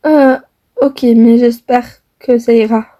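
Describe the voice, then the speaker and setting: A woman voicing an excitable young girlfriend in a homemade skit. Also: a little high, takes it slowly. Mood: excited. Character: young girlfriend, worried then amazed.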